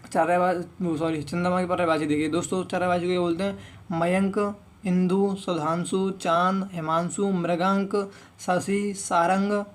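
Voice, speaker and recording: A young man teaching an online Hindi exam-prep lesson, reading word lists slowly and often saying "okay, friends". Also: high voice. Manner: reads word lists slowly, one word at a time.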